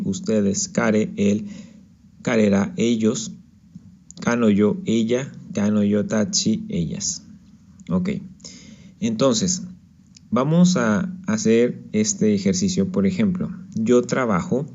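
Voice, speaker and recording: Male teacher, slow and patient, mellow tone, dull lo-fi recording. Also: fairly low pitch. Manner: patient, checks in with "¿ok?". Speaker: Japanese teacher. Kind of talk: slide-based language lesson.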